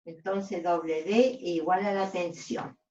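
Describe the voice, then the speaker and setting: A woman teacher slowly solving a physics problem aloud, checking and correcting her own steps. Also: lowish voice, fairly even intonation, darkish tone, far from the mic. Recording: dull roomy sound from off-mic.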